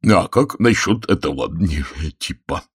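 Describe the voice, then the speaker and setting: Brief: man as grumbling injured cop, sulky and low, storybook reading. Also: lively intonation, unhurried, husky, no echo, studio quality, full character voice. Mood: suspicious. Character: bruised, grumbling male policeman, meek.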